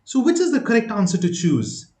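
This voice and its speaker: A man's voice: high-pitched, wildly swooping pitch, a little fast, warm tone, echoey room. A man teaching a math lesson, working through the steps and often asking the listener checking questions.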